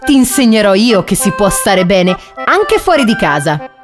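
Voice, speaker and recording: A woman's voice: mid-range voice, very animated, moderate pace, over music, lightly acted. A woman voicing a friendly, bold male stray dog who talks in an easygoing, reassuring way.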